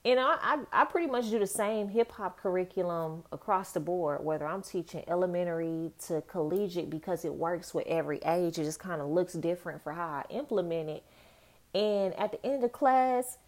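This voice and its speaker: A woman's voice: lowish voice, darkish tone. A woman who teaches dance talks through her thoughts in a casual vlog monologue. She speaks reflectively, fills her sentences with "like," and keeps asking rhetorical questions.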